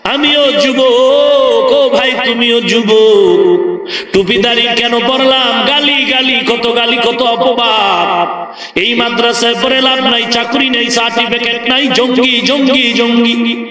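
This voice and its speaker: A high-pitched man from Bangladesh delivers a fervent sermon, drawing his words out slowly and breaking into chanted, sung lines. His voice booms through a loudspeaker system with a long echo, heard from some distance away. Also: fairly even intonation, faint music behind. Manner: impassioned, chanting and singing phrases, shouting rebukes. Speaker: preacher. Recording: echoey open-air sound system heard from a distance.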